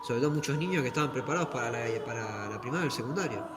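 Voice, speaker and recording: A man's voice: medium pitch, very fast, loud music behind the voice. Argentine man guiding a museum tour. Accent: Argentine Spanish. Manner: explanatory, asks and answers his own questions. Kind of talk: guided museum tour explanation. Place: museum hall. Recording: echoey room with loud background noise.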